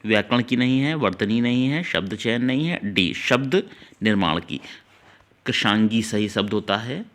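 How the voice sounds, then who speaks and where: A male teacher taking students through an exam-prep grammar lesson, explaining each answer step by step and slowly repeating key words. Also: on the low side, fairly bright tone. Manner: talks directly to students, urging them to note things down.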